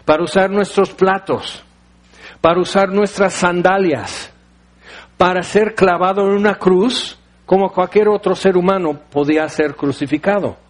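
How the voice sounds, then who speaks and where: A man's voice: high voice, steady tone, a little slow. A man with a Mexican accent preaching a sermon, telling stories with everyday analogies and firing off rhetorical questions. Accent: Mexican Spanish.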